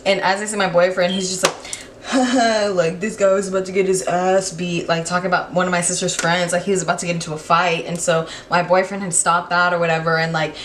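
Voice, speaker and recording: A young woman telling a storytime vlog in a casual, animated, profane way, full of fillers. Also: fairly low pitch, brisk, a little hiss or hum.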